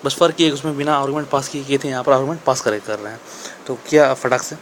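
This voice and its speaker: A man's voice: mid-range voice, fairly even intonation, very fast. Guy teaching code, chatty, keeps repeating himself, bit of hiss in the back. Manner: conversational, repeats points, asks and answers his own questions. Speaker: programming teacher. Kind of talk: casual explanatory lecture.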